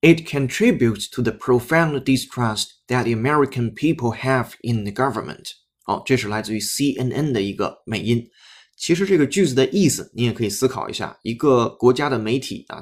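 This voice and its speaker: A man's voice: medium pitch, expressive, quick pace, slightly rough. A man hosting a broadcast-style English lesson, upbeat and explaining step by step with repeated drills. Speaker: English teacher and host. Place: studio broadcast.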